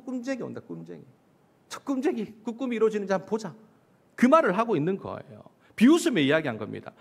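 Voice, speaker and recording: A man preaching a sermon in church as pastor, asking the congregation questions and answering them himself, sometimes acting out quoted lines. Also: sits high. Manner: acts out quoted lines in mocking voices.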